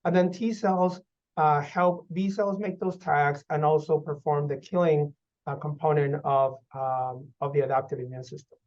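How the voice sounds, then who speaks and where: A man in his thirties from Guatemala, a physician researcher answering interview questions in measured explanations with many fillers. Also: a little high, fairly even intonation, darkish tone. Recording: dull lo-fi audio.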